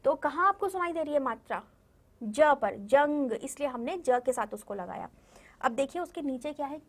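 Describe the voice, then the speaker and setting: A woman's voice: high voice, lively intonation, moderate pace. A woman teaching a Hindi lesson to young children, patiently repeating words and sounds and asking the class questions. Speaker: primary school Hindi teacher.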